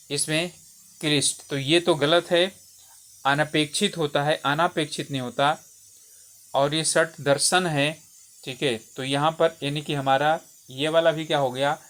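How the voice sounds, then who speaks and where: A Hindi exam tutor with a fairly high, somewhat bright voice takes listeners through spelling questions one at a time. He explains step by step, repeats each word, and checks in often with "theek hai".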